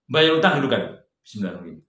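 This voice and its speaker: A man giving an informal religious study talk, conversational, jumping from loud emphatic peaks to quiet, low asides. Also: animated, moderate pace. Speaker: religious teacher. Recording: roomy echo.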